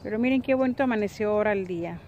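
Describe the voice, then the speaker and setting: A woman's voice: mid-range voice, rapid-fire, darkish tone, highs cut off. A middle-aged woman with a Mexican accent chats casually and colloquially to camera as a family vlogger, holding a phone at arm's length. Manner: colloquial, chatty. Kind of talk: casual narration to camera while doing daily errands. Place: at home, indoors and in front yard. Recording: handheld phone with clear ambient noise.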